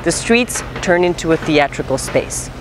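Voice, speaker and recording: Speaking in a deep, expressive voice at a moderate pace, a show host in her thirties delivers scripted news items using casual slang. She's recorded outdoors on a city street through a lapel mic, with music and background noise.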